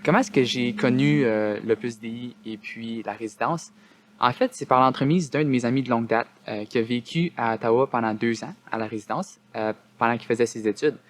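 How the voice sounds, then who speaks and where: A young man from northern Ontario with a Canadian French accent, giving an earnest personal testimonial as a student resident, often pausing on fillers and restarting his phrases. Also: mid-range voice, slight background noise. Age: young adult. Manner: earnest, hesitant with frequent "euh" fillers and restarts.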